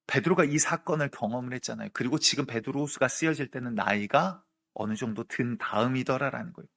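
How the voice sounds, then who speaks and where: A middle-aged man preaching from the pulpit, his voice carrying a gravelly rasp at an ordinary middle pitch. He tells the story with high drama and acts out the voices of the people in it, rising and falling with the tale. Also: fast talker, fairly bright tone. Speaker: senior pastor. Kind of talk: sermon.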